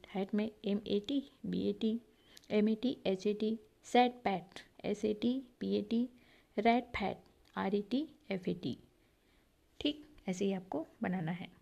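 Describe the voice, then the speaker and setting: A woman's voice: mid-range voice, gravelly, dark tone. A woman teaching a class, explaining a worksheet and spelling words out letter by letter. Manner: reads English questions very slowly. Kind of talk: explaining an English worksheet in Hindi.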